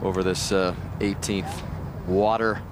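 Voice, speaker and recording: A man's voice: low voice, little pitch movement, measured pace. A man anchoring live golf commentary as the host of a sports broadcast. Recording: noisy outdoor broadcast.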